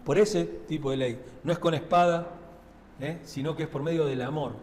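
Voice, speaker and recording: A man with a high voice and a Rioplatense Spanish accent preaches in a chatty, conversational way and keeps checking in with his listeners. His voice rings through a church with a long hall reverb. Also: normal speed, a little mellow. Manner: conversational preaching with frequent tag questions. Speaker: pastor. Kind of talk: sermon. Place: church sanctuary.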